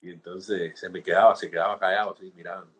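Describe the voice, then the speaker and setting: Older Cuban man, slightly husky, animated storyteller in a sit-down interview. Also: deep voice, quick pace. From Cuba. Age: 60s. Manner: animated storytelling, acts out quoted guards, frequent restarts and "¿entiendes?". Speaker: interviewee, former political prisoner.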